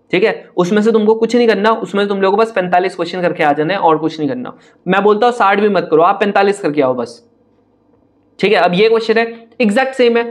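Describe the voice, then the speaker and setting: A young man teaching an online maths lesson for exam prep in speech, talking straight to his students in a brisk, chatty, teasing way. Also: high-pitched. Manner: brisk, chatty, addresses students directly, mocks hard-looking questions.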